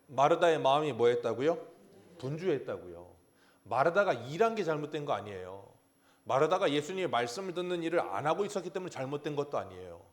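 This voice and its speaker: A man's voice: on the high side, very animated, fast talker. A man preaching a sermon as pastor, asking the congregation questions and answering them himself.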